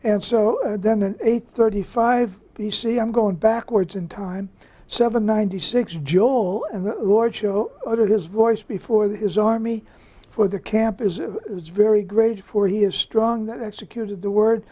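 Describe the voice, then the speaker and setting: A woman with a dark, mellow voice leads a Bible study. She reads scripture aloud and then explains it in an easy, conversational way, often pausing on fillers. Her pitch is in the middle for a woman. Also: steady tone. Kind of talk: informal Bible study teaching.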